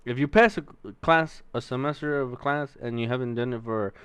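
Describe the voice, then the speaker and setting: A young streamer with a Mexican-American accent is learning to code, swearing casually and thinking aloud as he types through exercises. His medium-pitched voice runs a little fast and sounds a bit bright, clear, and resonant, with no room sound. He rambles profanely throughout.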